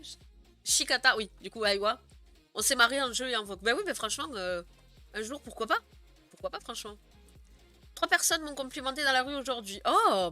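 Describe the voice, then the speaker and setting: Young woman streaming, chatty and giggly, bright slightly high voice, soft music going behind her. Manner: chatty, giggly, many fillers. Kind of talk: casual live stream chat.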